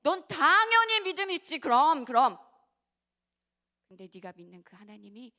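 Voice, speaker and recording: A woman's voice: sits high, sing-song, moderate pace, voice pushed up, full character voice. A woman preacher voicing the devil as he goads a believer in a mocking, coaxing tone in a sermon. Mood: taunting. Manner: mocking, coaxing, rising to loud jeers. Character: the devil, taunting and goading a believer.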